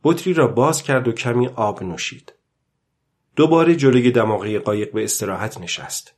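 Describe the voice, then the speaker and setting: A man giving a calm, measured scripted narration of a novel as an audiobook. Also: mid-range voice.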